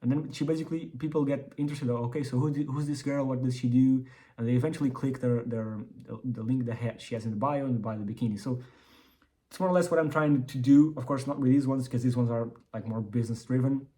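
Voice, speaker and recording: Mellow-voiced man speaking with braces. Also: medium pitch, steady tone, quick pace. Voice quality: slightly impeded articulation from wearing braces. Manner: rambling, repeats and restarts words. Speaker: entrepreneur vlogger. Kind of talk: casual business update vlog.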